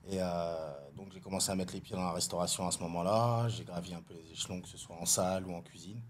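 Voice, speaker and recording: A very deep-voiced man from France talks as a podcast guest in a studio, with faint room sound behind him. His speech is easygoing and slangy, full of little fillers. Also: fairly even intonation, fast talker, slight background noise. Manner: laid-back, street-casual, fillers like bah and hein. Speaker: pizza chef, guest. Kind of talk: casual interview.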